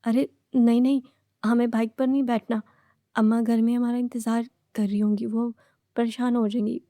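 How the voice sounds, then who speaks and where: A woman's voice: fairly high pitch, level tone, normal speed, mellow, no echo, clean studio sound, lightly acted. A woman voicing a timid young male lecturer who talks hesitantly and politely and stumbles over his words. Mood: nervous.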